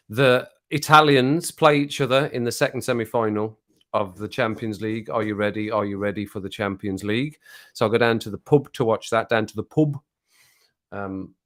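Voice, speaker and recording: A man with a lowish, slightly bright voice hosts a casual live stream from home, where he lives alone. Over a drink, he greets viewers in the chat and laughs at his own jokes.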